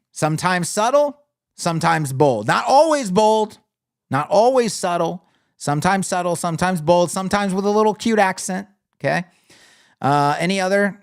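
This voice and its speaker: A man hosting a live web design critique, talking bluntly and thinking aloud as he scrolls through sites. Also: a little high. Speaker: web design show host. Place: home studio with lights on.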